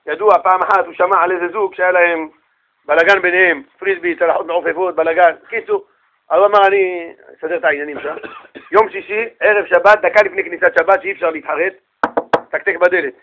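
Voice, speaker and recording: Lively, high-voiced male preacher. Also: narrow, tinny audio, a little hiss or hum. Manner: lively, colloquial, slangy asides. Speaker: preacher telling Talmud stories. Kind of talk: folksy sermon storytelling.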